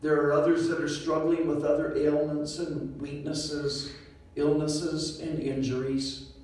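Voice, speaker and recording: A man's voice: a little high, level tone, a little slow, darkish tone. Solemn man praying in an echoey church. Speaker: pastor leading prayer. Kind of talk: church prayer. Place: church sanctuary. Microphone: podium microphone, filmed from far back. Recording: echoey church room from far off.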